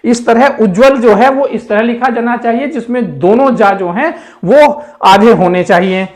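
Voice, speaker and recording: A man's voice: very high-pitched, darkish tone. Patient man teaching Hindi spelling. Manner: slow, explanatory, repeats key words with "dekhiye". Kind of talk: exam-prep grammar lesson.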